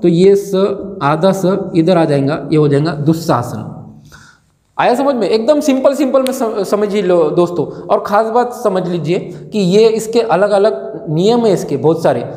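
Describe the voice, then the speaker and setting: In this echoey, long-reverb room, a man leads a grammar lesson as if in a classroom, repeating each answer after asking it back to quiz the class. His voice is pitched high with a somewhat dark tone, and he talks at an ordinary pace.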